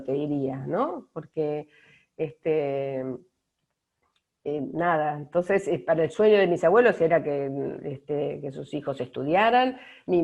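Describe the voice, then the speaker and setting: A middle-aged woman with an Argentine Spanish accent, answering interview questions thoughtfully with pauses and restarts. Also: deep voice, a little mellow. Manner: thoughtful, many fillers and restarts. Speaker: author being interviewed. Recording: dull lo-fi audio.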